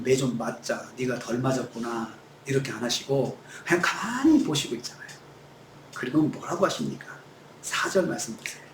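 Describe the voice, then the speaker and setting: A man's voice: high voice, roomy sound, slight background noise. A male pastor preaching a sermon, acting out quoted lines in shifting voices. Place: church sanctuary.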